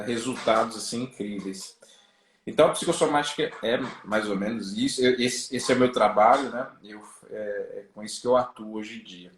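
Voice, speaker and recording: A man with a Brazilian Portuguese accent, a psychologist guest, speaking in a relaxed, casual way over a crackly, breaking-up call line from a rural home. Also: mid-range voice. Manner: relaxed, leans on tag questions. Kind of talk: casual interview chat. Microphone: remote video call. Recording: echoey room over a choppy remote call.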